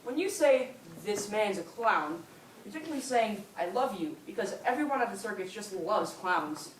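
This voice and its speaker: A woman's voice: mid-range voice, expressive, normal speed, natural voice. A woman playing a cheeky, dim, literal-minded minder in a stage comedy. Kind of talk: live stage comedy acting. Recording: echoey stage, distant mic, clear noise.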